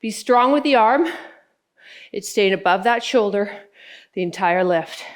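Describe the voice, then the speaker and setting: A woman's voice: medium pitch, lively intonation, measured pace. A woman fitness instructor coaching a workout, counting out moves and giving short, encouraging cues.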